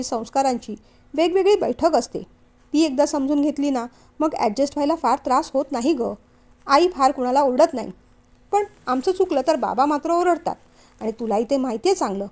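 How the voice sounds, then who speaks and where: A steady devoted young son, firm and earnest in an audio novel, a woman voicing him in a high, light voice. he talks plainly and means every word.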